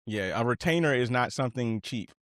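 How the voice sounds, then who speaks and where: A young man co-hosting a podcast in relaxed casual chat, using easygoing slang. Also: medium pitch, brisk, no room sound, clean studio sound. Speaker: podcast co-host.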